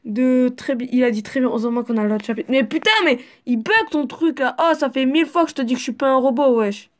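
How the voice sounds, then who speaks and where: A woman's voice: high-pitched, fast. A young woman casually reading her own story aloud, rambling and swearing in her asides. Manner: chatty, rambling, swears freely.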